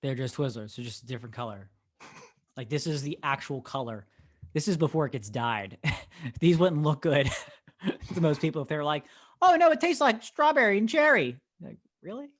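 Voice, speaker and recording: A man's voice: mid-range voice, moderate pace. A man from the Pittsburgh area co-hosting a casual podcast over a remote call, exasperated and joking, laughing often. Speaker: podcast co-host.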